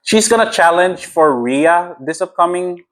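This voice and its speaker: A man's voice: high voice, animated, a bit bright. A young man with a Filipino accent, co-hosting a casual wrestling podcast and making his points with heat and emphasis, often laughing. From Philippines. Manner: heated, emphatic, quick to laugh. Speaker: podcast co-host. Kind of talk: casual chat.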